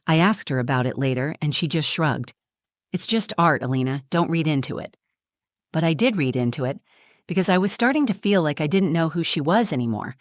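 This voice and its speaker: Low-voiced woman narrating a dry story. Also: no room sound. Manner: measured, reflective storytelling with short dramatic phrases. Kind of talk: scripted first-person story narration.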